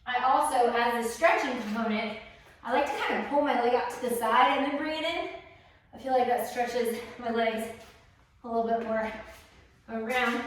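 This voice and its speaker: Woman fitness instructor, high-ish voice, recorded far from the mic in a very roomy space. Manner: encouraging, talks while exercising. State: slightly out of breath. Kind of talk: guided stretching class. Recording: very echoey room, distant mic.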